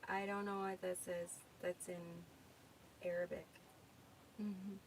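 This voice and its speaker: This livestream host, a woman from the United States with a Minnesota accent, reads comments from viewers and thinks out loud as she looks things up. She speaks slowly in a level, mid-range voice; the low-quality recording carries faint background noise.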